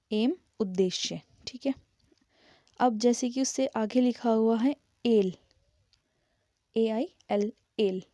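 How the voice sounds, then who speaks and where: Slow, soft-toned woman teaching. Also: a little high, dry recording. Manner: patient, repeats and spells words out letter by letter. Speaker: English pronunciation teacher. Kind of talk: slow explanatory grammar lesson.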